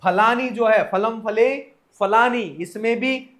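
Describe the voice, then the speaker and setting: A man with a notably high voice walks through exam questions one by one. He reads each question aloud and then explains the correct option in a methodical, teacherly way, speaking. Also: slow, fairly bright tone. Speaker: Sanskrit teacher. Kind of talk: exam test solution lecture.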